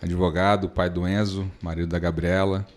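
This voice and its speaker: A Brazilian man in his thirties, a lawyer, explaining his work at length with everyday examples in a relaxed podcast interview. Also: sits low, moderate pace. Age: 30s. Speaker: lawyer and guest.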